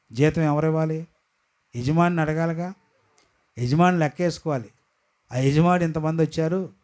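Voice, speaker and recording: A male pastor, preaching a sermon to a church gathering, calling out emphatically to the listeners and swinging between loud and hushed delivery. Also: fairly high pitch.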